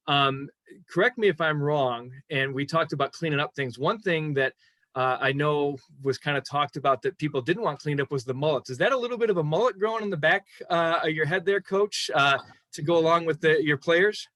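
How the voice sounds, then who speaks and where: A man with a smooth radio host delivery, asking polished, friendly interview questions. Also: a little high, fairly quick, fairly bright tone, dry recording. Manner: polished, friendly questioning, addresses guest as Coach.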